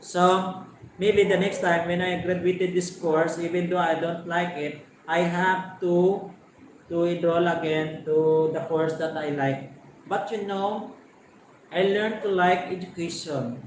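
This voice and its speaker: A Filipino man in his forties with a Filipino accent, hosting a casual chat and telling his own story in an unhurried, reflective way. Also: high voice, fairly even intonation. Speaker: host. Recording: very echoey room with faint background noise.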